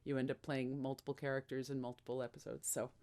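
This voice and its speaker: A woman's voice: rumbling low, flat delivery, fast talker, darkish tone. A woman who voices and directs, chatting easily on a panel about the characters she played. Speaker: voice actor and voice director. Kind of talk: casual panel chat.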